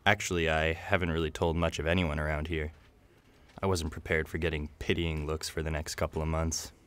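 A man playing a kindly, earnest office worker with a gentle, sincere manner in a puppet parody. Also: very deep voice, level tone, brisk, clear, resonant tone. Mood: earnest, subdued.

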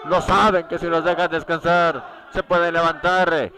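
A man's voice: fairly high pitch, level tone, normal speed, sharp tone, rough recording. A man giving live lucha libre commentary, repeating words for emphasis. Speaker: wrestling co-commentator.

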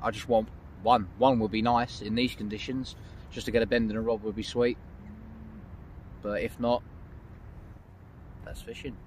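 A man's voice: fairly low pitch, flat delivery, normal speed, long pauses, a little mellow. Chatty man fishing outdoors. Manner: chatty, matter-of-fact, talks to camera while fishing. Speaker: angling vlogger. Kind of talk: outdoor fishing vlog narration. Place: windy lakeside outdoors. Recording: outdoor mic with faint wind noise.

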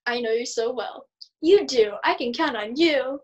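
A woman's voice: high voice, a little slow. A woman playing a lonely, self-absorbed woman who throws herself a birthday party and talks to herself in two voices. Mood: gushing.

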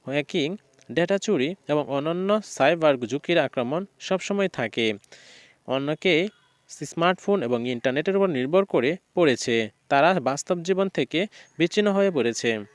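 A male teacher reading exam questions and model answers aloud in a steady, methodical way. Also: fairly high pitch, normal speed, no room sound.

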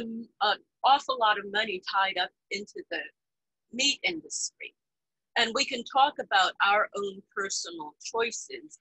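A woman in her sixties moderates a panel on a video call, her higher voice bright and animated as she probes her guests. Her tone is a little husky, and the webcam sound is dry and close. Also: dry recording, poor audio. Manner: lively, probing questions. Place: home room, indoors.

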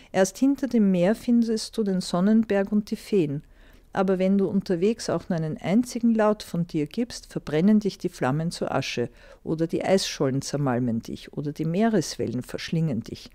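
A woman's voice: mid-range voice, expressive, normal speed, mellow, natural voice. A teasing old mountain woman, as a woman reads her. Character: mysterious old woman guarding a mountain path.

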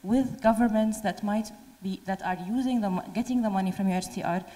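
A woman's voice: medium pitch, a little fast, mellow. A woman from Syria, a PhD researcher, politely asking a careful question into a handheld mic in a large lecture hall. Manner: polite, careful, slight restarts. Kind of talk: formal audience question. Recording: long hall reverb.

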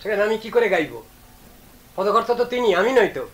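A man giving an earnest devotional discourse, reasoning aloud and reciting verses slowly. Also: high voice, sing-song, poor audio. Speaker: religious speaker.

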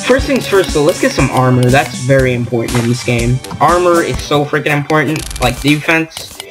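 A man's voice: mid-range voice, lively intonation, normal speed. A young man commentating a game in casual, rambling talk, worn out and tired from an hour of hiccups. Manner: rambling, self-deprecating, tired. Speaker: gameplay commentator. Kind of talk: casual let's play commentary. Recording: game music playing behind.

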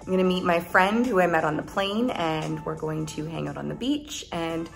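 A woman's voice: fairly low pitch, moderate pace, creaky, faint music behind. A young woman from Canada talking casually to her phone camera while traveling, upbeat and chatty, saying "like" often. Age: young adult. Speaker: travel vlogger. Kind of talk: casual vlog narration. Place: outdoors on beaches and streets, also indoors. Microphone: phone at arm's length.

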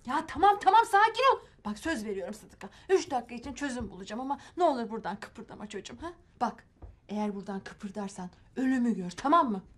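A woman's voice: on the high side, very animated, fast talker. An actress playing a fussy, scheming middle-aged mother in a sitcom, talking with theatrical exclamations. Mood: pleading. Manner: theatrical, fussing, dramatic exclamations. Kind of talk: sitcom acting.

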